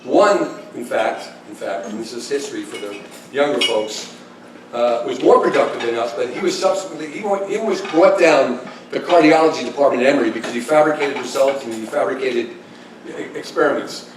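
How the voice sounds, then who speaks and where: A man in his sixties giving a tribute speech, telling stories with chuckles and halting restarts. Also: medium pitch, a little hiss or hum. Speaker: speaker giving a tribute talk. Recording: echoey room, distant mic, kitchen clatter.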